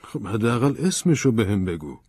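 A man playing an earnest, persistent investigator who presses and persuades, in a low, husky voice. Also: sing-song, darkish tone, dry recording. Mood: urgent. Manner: insistent, persuasive. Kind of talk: audiobook drama reading.

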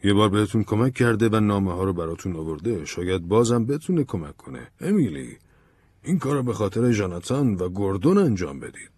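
A man playing an earnest, persistent investigator who presses and persuades, in a low, husky voice. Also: expressive, a little mellow, no room sound. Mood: urgent. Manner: insistent, persuasive. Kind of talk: audiobook drama reading.

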